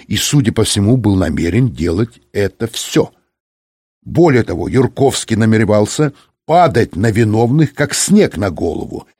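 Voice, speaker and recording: A man's voice: lowish voice, darkish tone, husky, no echo, clean studio sound. A man reading a story aloud as an audiobook narrator, telling it evenly and giving the characters their own voices.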